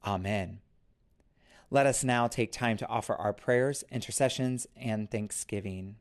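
With a voice on the low side, a man officiates a church service, reading scripture and reciting prayers in a measured, formal manner.

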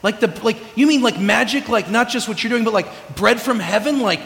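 In a church sanctuary with echoing hall reverb, a male preacher from California speaks in a high, slightly bright voice at a brisk clip. His sermon is conversational and self-deprecating, funny, and full of restarted phrases.

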